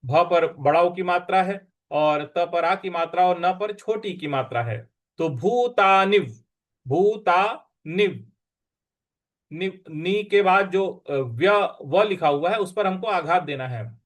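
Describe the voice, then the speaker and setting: A man's voice: sits high, animated, slow. A man teaching scripture, patiently spelling out syllables and stresses and chanting the verses. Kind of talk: slow recitation and explanation lesson.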